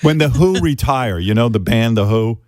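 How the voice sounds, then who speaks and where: An older man hosting a radio show, ranting in an animated, profane, mock-indignant way during casual banter. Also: medium pitch, normal speed, crowd noise.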